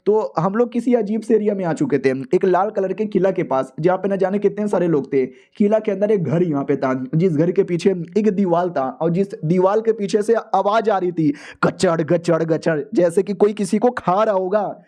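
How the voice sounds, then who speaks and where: A man tells the story in an easygoing, slangy way, often slipping into quick character voices. His voice sits high, but it has a dark, mellow tone. The delivery is playful and loose. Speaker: narrator. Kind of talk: casual storytelling recap.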